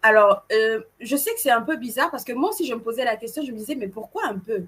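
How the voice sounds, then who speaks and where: Woman from Cameroon, playful storyteller, fairly high voice, casual event presenting. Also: animated, fast, a bit bright, breathy edge. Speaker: event co-host.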